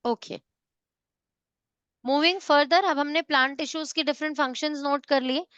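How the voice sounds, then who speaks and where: High-voiced woman teaching class. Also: steady tone, measured pace, fairly bright tone, no echo, lo-fi sound. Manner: mixes Hindi and English, checks students often. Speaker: science teacher. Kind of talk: online class lecture.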